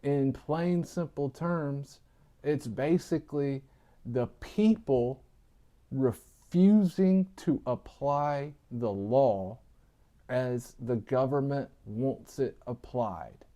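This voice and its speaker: A man's voice: mid-range voice, drawn-out words, mellow. A man with a lisp giving informal political commentary to viewers, repeating points for emphasis.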